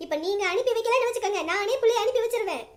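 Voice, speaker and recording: A sharp-tongued middle-aged mother, acted by a woman, very high-pitched and quick, scolding and defiant. She fires back at her husband without pausing.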